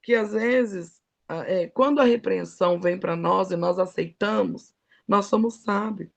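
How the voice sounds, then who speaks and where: Middle-aged woman giving a sermon, gravelly voice, talks folksy and emphatic. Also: medium pitch, unhurried, muffled recording. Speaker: preacher. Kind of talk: devotional sermon.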